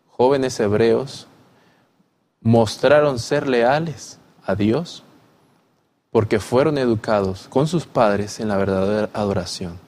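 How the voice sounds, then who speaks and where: Measured man leading a Bible lesson. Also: mid-range voice, a little mellow. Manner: measured, says amen often, addresses partner as brother. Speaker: lesson study leader.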